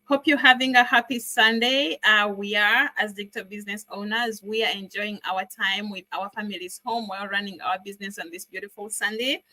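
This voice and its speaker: A woman's voice: medium pitch, fairly even intonation, a little fast, hardly any pauses, sharp tone, no room sound, poor audio. A woman, hosting an online business livestream in an upbeat, welcoming way. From Uganda. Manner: upbeat, welcoming, lots of thank-yous. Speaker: host.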